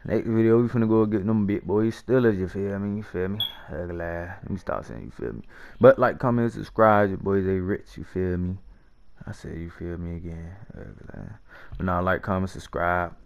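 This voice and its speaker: A man's voice: sits low, normal speed, vocal fry, a little mellow, lo-fi sound. A young man hosting a gaming channel, commentating his own football match with slangy, profane trash talk and repeated hype phrases. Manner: hyped trash talk, laughing, repeating himself. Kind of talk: live gameplay commentary.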